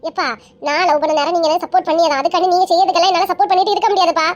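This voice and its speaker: A woman's voice: extremely high pitch, steady tone, very fast, muffled recording. A woman playing a nagging grown daughter who lectures her father in a comedy skit. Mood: lecturing.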